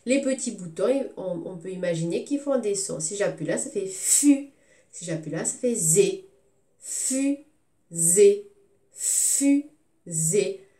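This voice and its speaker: A woman teaching a recorded phonics lesson to young children, sounding out syllables slowly and clearly. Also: mid-range voice, animated, mellow, reverberant. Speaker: kindergarten teacher.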